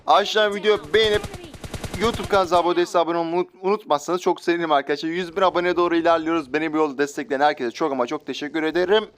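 A young man giving lively, joking commentary while playing a mobile shooter, talking back at his in-game enemies. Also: a little high, rapid-fire, slight background noise. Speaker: gaming YouTuber. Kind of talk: live gameplay commentary.

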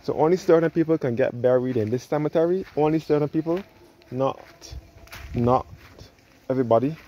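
A fairly quick man with a higher-pitched voice leads an informal walking tour through a churchyard on a cliff as a travel vlogger, habitually repeating and rewording his explanations. Captured on the phone camera in his hand, the outdoor recording is dull, lo-fi, and carries background noise.

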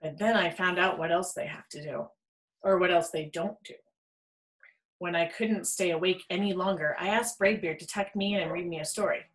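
A woman reads a children's picture book aloud in an expressive storytelling style, her voice on the low side at a normal speed. The audio quality is poor.

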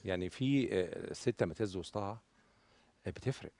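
A man's voice: low-pitched, a little fast, warm tone, a little hiss or hum. A man in his fifties with an Egyptian accent, an easygoing joking guest on a TV talk show. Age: 50s. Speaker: guest actor. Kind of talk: casual talk show banter. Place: TV studio.

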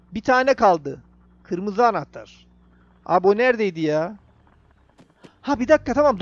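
A man's voice: very high-pitched, dry recording, muffled recording. A young man giving casual gameplay commentary, chatting to the game character and to viewers. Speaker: gaming YouTuber.

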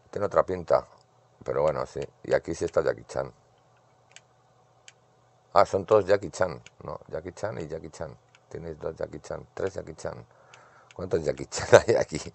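Male streamer, very low gravelly voice, mutters to himself through retro arcade play. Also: dry recording. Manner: muttering, talks to himself while playing. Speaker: gaming streamer. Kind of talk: casual gameplay commentary.

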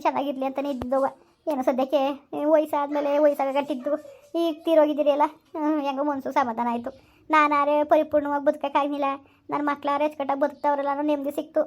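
A high-voiced woman with a rural Kannada accent talks quickly and steadily. She speaks in a plaintive, lamenting way, playing the parts of a homemade village drama. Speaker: channel host and storyteller.

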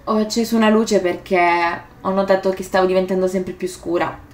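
A woman's voice: mid-range voice, steady tone, brisk, darkish tone. A woman reading passages from a novel aloud and commenting on them casually, with hesitations and self-corrections. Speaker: book vlogger. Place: room indoors. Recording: roomy echo.

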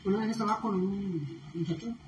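A woman making soft, quiet asides in a casual chat. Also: medium pitch, normal speed. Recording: echoey room with faint noise.

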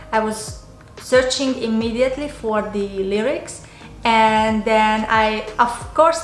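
A woman in her twenties with a Hungarian accent earnestly walks through tips step by step to camera, her voice on the high side and a bit bright. Her phrasing is slightly non-native in this casual vlog, recorded in a small, roomy home office with faint music.

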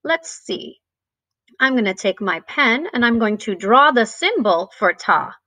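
A woman teaching a bilingual music lesson to young children, switching between English and Spanish and speaking slowly and clearly. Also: a little high, animated, sharp tone, dry recording. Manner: sings and chants rhythm words.

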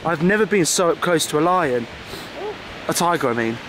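Casting: young British male vlogger, excitable, swooping high voice, noisy handheld camera sound. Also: moderate pace. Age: young adult. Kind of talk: casual vlog chat to camera and companions. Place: on the move, mostly outdoors at a zoo. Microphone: handheld camera at arm's length. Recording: handheld camera vlog with clear background noise.

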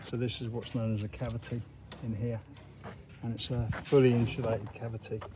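A middle-aged man guides the listener around an outdoor building site, explaining things in a practical, matter-of-fact way and leaning on the word "obviously". His voice sits at an ordinary pitch and is caught on a phone, with loud site noise and passing vehicles all around him. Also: level tone, brisk. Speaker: construction site manager. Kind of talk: guided site walk-through. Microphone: handheld phone camera.

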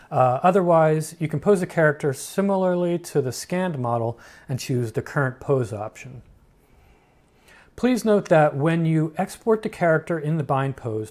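A man hosting a software tutorial, explaining each step frankly with dry humor. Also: mid-range voice. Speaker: tutorial host. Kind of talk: screen-recorded software tutorial.

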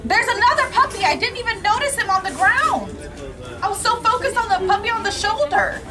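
An American woman in her thirties giving casual, blunt, expressive reaction commentary as a host. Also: very high voice, fairly quick, over music, crowd noise. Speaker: host reacting to meme clips.

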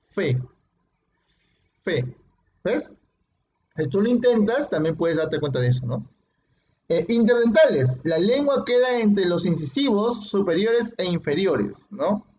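A man teaching a phonetics class, who explains patiently, demonstrates each sound by repeating it slowly, checks in with students after each phrase and praises them by name. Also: sits high, a little mellow. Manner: addresses and praises students directly. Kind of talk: classroom lecture. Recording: muffled lo-fi recording with faint noise and clicks.

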